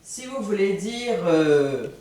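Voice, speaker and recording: A person from Ivory Coast teaching a language in a casual video lesson, slowly repeating words to show how they are said. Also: mid-range voice, sing-song, dark tone, distant mic. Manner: slow, repeats words for pronunciation. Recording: echoey room, voice from off-mic.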